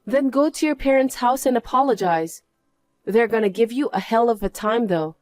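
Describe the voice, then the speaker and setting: A woman's voice: a little high, moderate pace, darkish tone, no room sound, lightly acted. A woman playing a scornful betrayed wife in a story drama, scolding and dismissive. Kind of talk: dramatised story narration and dialogue.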